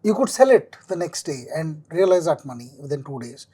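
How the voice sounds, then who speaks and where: A man's voice: on the high side, very animated, a little fast, dark tone, breathy edge. A man speaking informally as a finance commentator on a panel, explaining things by acting out imagined quotes.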